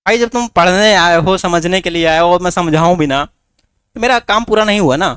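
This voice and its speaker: A man's voice: high-pitched, normal speed, fairly bright tone, clear, resonant tone, no echo, studio quality. A man teaching a class with a north Indian Hindi accent, coaxing students with rhetorical questions. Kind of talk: classroom lecture.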